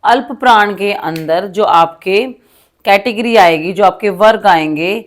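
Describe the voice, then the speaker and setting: Slow, patient woman teaching grammar. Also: mid-range voice. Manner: slow, patient explaining with frequent "ठीक है" checks; mixes English words into Hindi. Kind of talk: Hindi grammar lesson, writing on a board.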